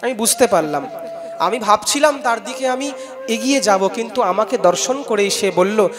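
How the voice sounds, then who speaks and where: High-voiced Bengali preacher in a reverberant hall. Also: male voice, expressive, moderate pace. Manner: chants Sanskrit verses loudly, then explains them conversationally; urges the audience to call out responses. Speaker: Bhagavat katha preacher. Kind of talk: devotional scripture discourse. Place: large festival gathering hall.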